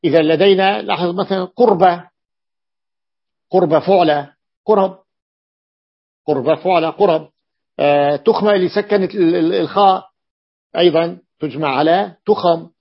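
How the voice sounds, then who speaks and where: A man's voice: high-pitched, normal speed, pauses often, highs cut off. A man teaching Arabic morphology to a class, explaining a classical text, repeating each example and checking that students follow.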